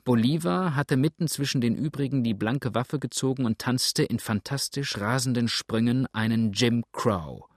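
Guy reading a storybook aloud, steady, dry close recording. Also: medium pitch, normal speed, hardly any pauses, no echo. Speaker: narrator. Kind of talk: scripted narration.

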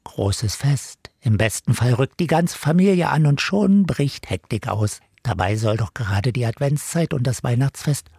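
A wise little gnome speaks with a husky, breathy tone that bounces around in pitch. He is calm and dryly teasing, like a patient teacher on a children's radio show. The sound is close and dry. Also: moderate pace, few pauses, no room sound. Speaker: co-host.

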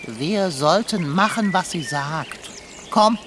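An actor playing a grumpy, whiny talking tomcat with a lordly, fussy way of speaking in a children's radio play. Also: male voice, high-pitched, expressive, slow, background noise. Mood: grumbling. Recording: outdoor nature ambience behind.

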